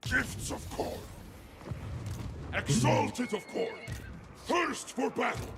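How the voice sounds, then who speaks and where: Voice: sits high, expressive, extremely slow, creaky, over loud music, heavily acted. An actor voicing a bloodthirsty, zealous demonic war champion in a fantasy strategy game, bellowing harsh, declamatory battle cries. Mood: savage war cry.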